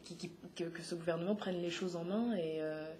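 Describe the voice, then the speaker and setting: A woman in her twenties, a playwright and activist, answering interview questions haltingly with frequent filler sounds and restarts. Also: on the low side, fairly even intonation, warm tone, a little hiss or hum. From Congo (DRC), raised in France. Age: 20s. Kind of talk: hesitant spoken interview answers.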